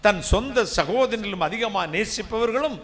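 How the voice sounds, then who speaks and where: Male pastor, high bright voice, storytelling sermon that rises to emphatic preaching. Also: normal speed. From India. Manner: personal storytelling that swells to loud emphatic preaching.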